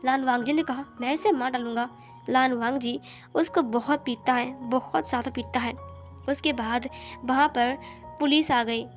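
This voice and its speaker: A woman with a high voice narrates a fan-written story. She reads the characters' quoted lines louder and with more force. Soft music plays quietly under her voice. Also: steady tone, moderate pace. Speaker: fanfiction narrator. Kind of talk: storytelling narration with acted dialogue.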